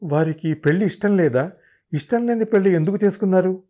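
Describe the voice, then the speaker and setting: A young, tearful bride, as voiced by a male narrator in a dramatized audiobook. Her lines sit noticeably higher than the reader's own voice and break with crying. She speaks in a hurt, aggrieved way. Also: brisk, dark tone, lightly acted. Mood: angry. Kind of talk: audiobook reading.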